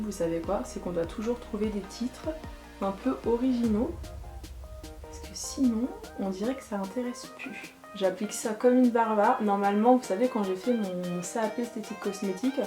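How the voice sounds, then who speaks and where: A woman in a casual beauty vlog testing a product, chatty and playful, poking fun at herself, sometimes dropping to a soft murmur. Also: medium pitch. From France. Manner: chatty, playful, self-mocking, calls viewers her warriors. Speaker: beauty YouTuber. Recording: echoey room, soft background music.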